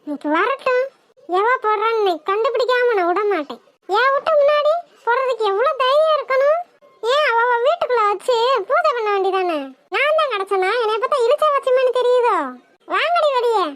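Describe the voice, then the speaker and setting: A woman voicing a shrill, scolding village woman. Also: lively intonation, brisk. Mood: angry, scolding. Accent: Kanyakumari Tamil. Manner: scolding, shouting at neighbours. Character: loud angry village woman, fed up. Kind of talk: cartoon voice acting.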